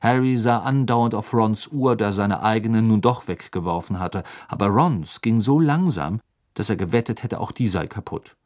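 A man reading an audiobook as narrator in an even, measured way. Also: lowish voice, dry recording, clean studio sound. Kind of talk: scripted narration.

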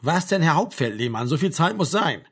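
A man voicing a gruff, joking army sergeant major who talks down to a soldier, read as an audiobook. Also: a little high, big pitch swings, quick pace, voice pushed up. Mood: bossy. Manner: brusque, teasing, talks down. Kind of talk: audiobook reading.

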